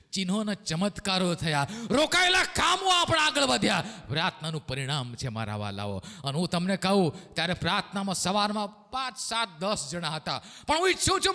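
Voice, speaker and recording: A male pastor preaching a sermon, swinging between shouted lines and hushed low ones. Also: long reverb tail.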